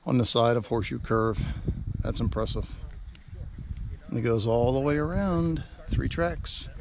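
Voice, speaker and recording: With a slight hiss or hum in the audio, a vlogger with a medium, somewhat mellow voice walks outdoors toward a railroad overlook, breathing hard from the climb. He points out sights with keen, talkative tour-guide enthusiasm, and the sounds of the outdoors can be heard around him.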